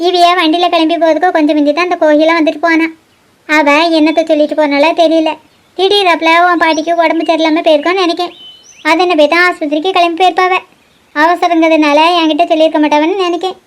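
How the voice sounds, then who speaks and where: Cartoon role: a woman playing a nosy old village granny, shrill and squeaky. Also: little pitch movement, fast. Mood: gossiping. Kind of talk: cartoon voice acting.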